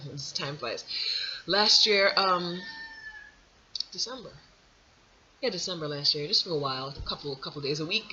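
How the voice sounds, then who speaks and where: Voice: mid-range voice, pushed and bright. Rambling, preachy vlogger. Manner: rambling and digressive, with many restarts and asides; emphatic preachy slang, "let me break it down". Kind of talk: casual vlog monologue. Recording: dull lo-fi audio.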